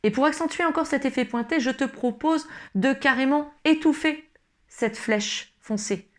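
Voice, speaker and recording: Loud ukulele strumming sits behind this woman's high voice as she teaches at a moderate pace. Her tutorial is patient and step-by-step, and she speaks informally to the learner.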